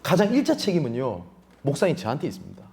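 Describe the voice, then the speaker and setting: A man's voice: on the high side, wildly swooping pitch, quick pace, a little mellow. Emphatic male pastor preaching. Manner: emphatic preaching, rhetorical questions to the congregation. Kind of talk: sermon. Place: church sanctuary.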